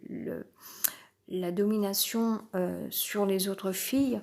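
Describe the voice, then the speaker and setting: Speaking slowly with vocal fry and a darkish tone, a woman at medium pitch and fairly even intonation rambles off the cuff about herself. She's congested from a cold, hesitating and restarting with many fillers, while noise sounds overhead in an uncomfortable spot.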